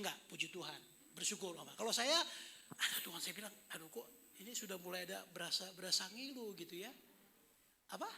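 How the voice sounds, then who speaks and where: A man in his fifties preaches to his congregation with a high, bright voice. He keeps it chatty and full of jokes, turning to the listeners again and again, with a faint hum of the room behind him. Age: 50s. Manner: chatty, joking, addresses the congregation often. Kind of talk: sermon. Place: indoor service hall.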